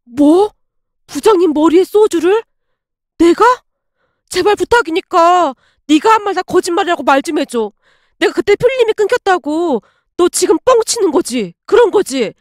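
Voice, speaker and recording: A woman voicing a rash young male office worker who talks in loud, frantic disbelief. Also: extremely high pitch, expressive, moderate pace, dry recording, clean studio sound, voice pushed up. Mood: panicked disbelief. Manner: loud, shouting when drunk, frantic disbelief.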